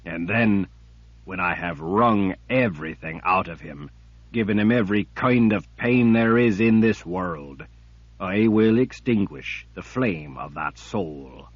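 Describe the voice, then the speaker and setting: A man's voice: deep voice, a little slow, no echo. A man doing a cold, menacing emperor villain. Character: cruel, patient male emperor villain. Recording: dull lo-fi recording.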